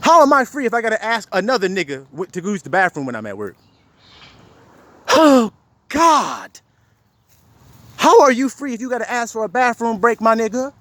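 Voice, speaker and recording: With a very high-pitched voice that swings widely in pitch, a man delivers a swearing, confrontational rant as a self-appointed preacher. He quotes scripture and hurls rhetorical questions at his audience at normal speed, with long pauses, a slightly bright tone and no echo.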